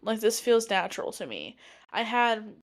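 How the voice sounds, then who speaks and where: A young woman in her twenties hosts her own podcast in a loose, rambling way, stringing thoughts together with lots of filler words. Her voice sits a little on the high side for a woman. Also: sing-song, normal speed. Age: 20s. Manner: chatty, rambling, many fillers of like. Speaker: podcast host; teacher. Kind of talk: casual solo podcast monologue.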